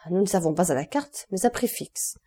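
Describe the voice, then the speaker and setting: A woman voicing a calm, mocking male bandit jailer who speaks with cool, deadpan politeness in an audiobook reading. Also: lowish voice, a little fast, breathy edge.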